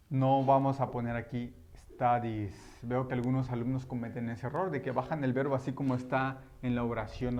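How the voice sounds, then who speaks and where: A young man, teaching a patient grammar lesson and slowing down to model example sentences. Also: medium pitch, darkish tone, a little hiss or hum. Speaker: English teacher. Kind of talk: classroom-style grammar lesson.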